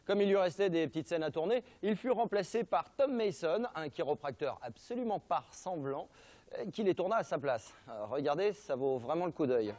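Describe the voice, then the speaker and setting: A man's voice: fairly high pitch, expressive, brisk, darkish tone. A man with a French accent hosting a television show, presenting film history with an ironic, mock-serious delivery and jokey asides.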